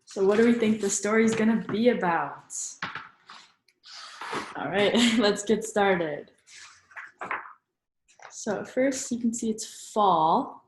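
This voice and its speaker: This is a storybook read-aloud: a woman speaks at medium pitch over some background noise, her voice reverberating. Teacher-like and instructive, she stops now and then to pose questions that get the children thinking.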